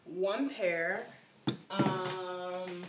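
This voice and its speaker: A woman's voice: lowish voice, steady tone, extremely slow, roomy sound, heavy background noise. A young woman chatting casually on a live stream, answering viewer questions in a slangy way with lots of "like".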